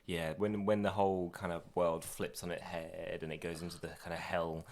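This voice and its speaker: Deep-voiced man, relaxed podcast chat. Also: normal speed. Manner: relaxed, enthusiastic rambling. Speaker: podcast co-host. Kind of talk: casual chat.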